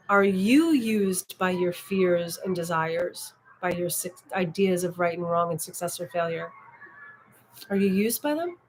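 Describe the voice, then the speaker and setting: A woman teaching in a room, speaking in an unhurried, contemplative way and guiding the listener through breaths. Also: medium pitch, slight background noise, rough recording. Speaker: meditation and Taoism teacher. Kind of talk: reflective spoken teaching. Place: indoor room.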